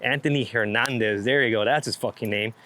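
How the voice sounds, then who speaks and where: A street photographer being interviewed chats casually, rambling in a laid-back way and swearing freely about his creative work. His voice is medium-pitched, fairly quick, bright and forceful, with a little hiss or hum.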